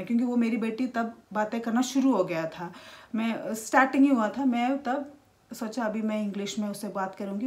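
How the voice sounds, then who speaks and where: High-voiced woman vlogging. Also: a little mellow. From India. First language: Malayalam. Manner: halting, many restarts and fillers. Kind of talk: casual talk to camera.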